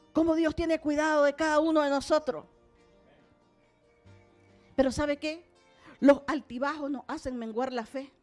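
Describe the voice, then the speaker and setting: Emphatic high-voiced woman preacher. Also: a little mellow. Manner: emphatic, calls out to the congregation. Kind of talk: sermon. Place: church service.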